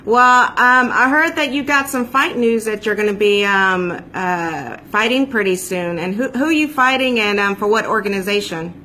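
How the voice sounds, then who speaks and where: A woman's voice: medium pitch, moderate pace, few pauses, pushed and bright, a little hiss or hum. A woman hosting a casual live-streamed interview, chatty and upbeat, with many filler ums. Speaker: host.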